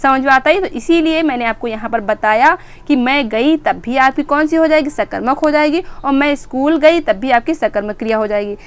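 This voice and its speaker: A woman's voice: high-pitched, normal speed, few pauses, clean tone. A woman teaching an exam-prep grammar lesson, asking questions and answering them herself and repeating key words.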